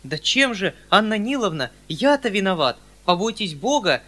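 Flustered, pleading landowner uncle, high and bright, declaiming, read by a male narrator. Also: very animated, moderate pace, heavily acted.

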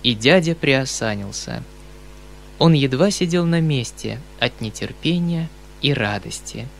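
A man narrating a classic novel as an audiobook, in an expressive, measured storytelling manner. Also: medium pitch, creaky, slight background noise.

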